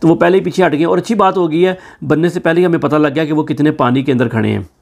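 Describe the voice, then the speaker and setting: A man's voice: a little high, quick pace, vocal fry, a little mellow. A man with a Pakistani Urdu accent giving sarcastic political news commentary, hosting his own channel. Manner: sarcastic, mocking.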